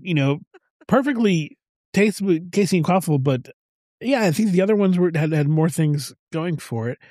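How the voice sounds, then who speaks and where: A man's voice: mid-range voice, a little mellow, no echo. Chatty man ranking beers, dry sound. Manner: chatty, rambling with restarts. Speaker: beer podcast co-host. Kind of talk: casual chat.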